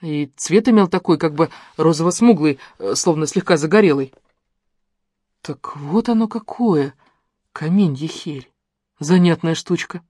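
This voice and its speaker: A woman reads a detective novel aloud with a lower voice that rises and falls animatedly through each sentence. The recording is dry and close, with no room sound. She tells the story expressively. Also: unhurried, no room sound. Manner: expressive storytelling with lively intonation. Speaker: audiobook narrator. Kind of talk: scripted narration.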